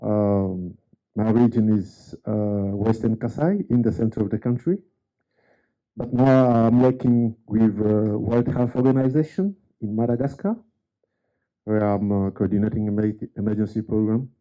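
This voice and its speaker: Man from congo, measured hesitant talk, dull lo-fi ceremony recording. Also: lowish voice. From Democratic Republic of Congo. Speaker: graduate giving a testimonial. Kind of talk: unscripted ceremony speech.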